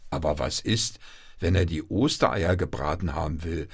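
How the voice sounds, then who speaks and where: A man voicing an old, playful grandfather blacksmith in a children's bedtime story, with gruff humming pauses and a musing manner. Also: very deep voice, exaggerated voice.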